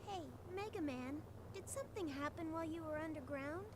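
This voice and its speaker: A woman's voice: high voice, a little fast, noisy background, lightly acted. A woman voicing an earnest young girl in English video game acting. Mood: concerned.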